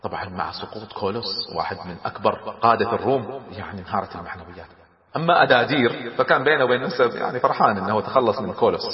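A man telling a historical battle story, lively and dramatic, at a quick pace. His voice rings in an echoey hall with a long tail and sounds dull and lo-fi. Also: on the low side.

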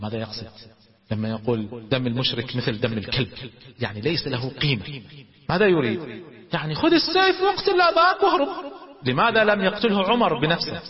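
A man giving a religious history lecture as a dramatic storyteller, swinging between loud and hushed. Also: mid-range voice. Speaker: preacher and lecturer. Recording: dull recording in a large echoing hall with audience.

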